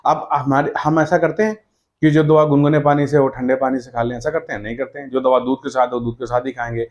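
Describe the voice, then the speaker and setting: A man teaching an English grammar class, explaining step by step and slowing right down to dictate example sentences word by word. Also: mid-range voice, flat delivery, a little mellow, lo-fi sound. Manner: explains step by step, checking with "correct?" and "okay?".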